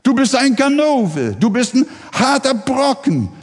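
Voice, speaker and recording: A preacher putting on the shrill voices of scolding adults who lecture a delinquent with hammering reproaches. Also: male voice, sing-song, a little slow, long reverb tail, exaggerated voice.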